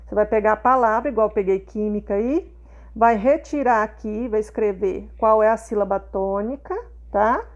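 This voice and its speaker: A woman's voice: medium pitch, normal speed, dull audio. A woman teacher explaining a lesson to her pupils, patient and checking in with them often. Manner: patient, checks understanding with tags like "tá?" and "né?".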